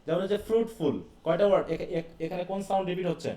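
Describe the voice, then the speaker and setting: A man's voice: high-pitched, rapid-fire, warm tone. A man teaching a live class, explaining step by step and asking his students questions. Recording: echoey classroom heard from a distance.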